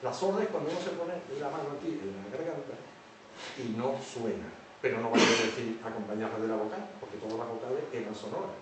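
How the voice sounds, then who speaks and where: A man's voice: mid-range voice, expressive, fast. A man giving a public lecture as a teacher, explaining examples and often checking in with his listeners. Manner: keeps checking in with the audience. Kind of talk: public lecture on word origins. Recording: echoey hall from far off, faint noise.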